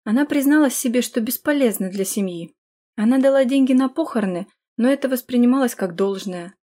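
Woman reading a fantasy story, steady telling, kinda high voice. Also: fairly quick. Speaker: audiobook narrator. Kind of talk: scripted fantasy narration.

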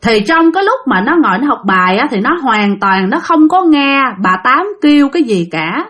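A woman's voice: high-pitched, big pitch swings, moderate pace, fairly bright tone. A woman telling a ghost story in a casual, chatty way, often speaking straight to her listeners. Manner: chatty, addresses listeners directly.

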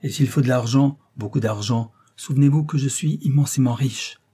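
Wealthy nobleman, exclamatory and grand, slightly husky; male reader. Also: mid-range voice, normal speed, mellow, pitched above the performer's own voice, lightly acted. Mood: eager. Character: idle, very rich male nobleman.

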